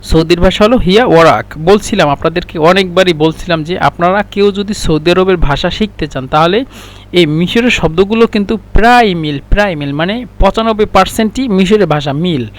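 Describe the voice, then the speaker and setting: A man teaching Arabic phrases in a casual spoken lesson, slowly explaining each one and repeating the examples. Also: sits high.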